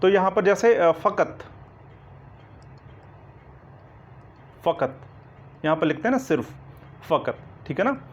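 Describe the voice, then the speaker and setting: A man's voice: sits high, sing-song, fairly quick. A man teaching Hindi grammar in an online coaching lecture. He explains step by step, keeps checking "ठीक है ना" and asks the class questions before answering them himself. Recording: dull lo-fi recording.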